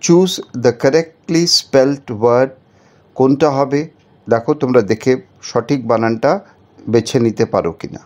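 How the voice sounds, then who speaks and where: A man's voice: medium pitch, slow, darkish tone, dull audio, slight background noise. A man teaching a children's spelling lesson, patiently spelling words out letter by letter and asking the viewers questions.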